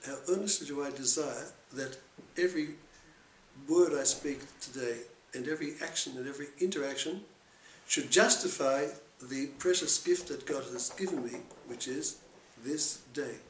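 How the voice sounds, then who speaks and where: A man teaching a short spiritual lesson in an earnest, measured storytelling manner. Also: fairly high pitch, recorded from a distance. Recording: echoey room with faint noise.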